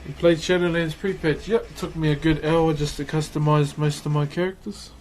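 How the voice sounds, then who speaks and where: A man's voice: a little high, fairly even intonation, moderate pace, darkish tone, faint music behind, poor audio. A man with a broad New Zealand accent chats casually on a livestream as he works, in a laid-back, slangy, matey way. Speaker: livestream host. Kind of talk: casual livestream chat while working.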